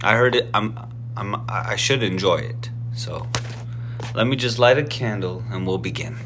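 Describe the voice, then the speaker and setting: A man's voice: fairly low pitch, moderate pace, fairly bright tone, a little hiss or hum. A man in his twenties chatting casually to viewers before a live book reading, meandering and self-deprecating, with lots of fillers and restarts. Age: 20s. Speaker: live-stream book reader. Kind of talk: casual rambling chat to viewers.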